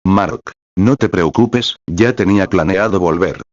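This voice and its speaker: A man reading the lines of a weary, guarded young human hero in a slow, plain way. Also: low-pitched, dry recording, highs cut off.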